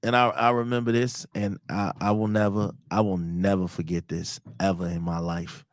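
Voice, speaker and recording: Telling personal stories on his podcast, a thirty-something man from Chicago, United States, keeps things casual and slangy, acting out what people said. His voice sits low with flat delivery at a moderate pace, in a dry, clean studio recording.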